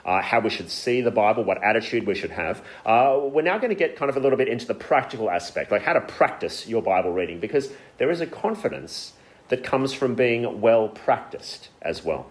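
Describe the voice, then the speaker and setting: A man's voice: mid-range voice, big pitch swings, fairly quick. A man leading a workshop on public Bible reading, talking casually with frequent fillers to a group in a room. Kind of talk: informal teaching to a group. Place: meeting room with an audience, also streamed online.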